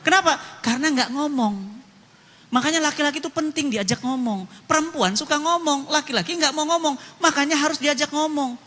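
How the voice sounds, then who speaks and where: A male preacher giving a lively, joking religious sermon to women, addressing them directly. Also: extremely high pitch, a little fast. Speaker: Islamic preacher. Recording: reverberant hall.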